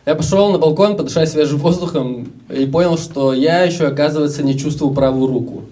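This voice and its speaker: A man's voice: a little high, a little fast, mellow, distant mic. A young Russian man in his twenties telling stories casually in a stand-up comedy set, acting out the voices of other people. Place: live comedy show with audience.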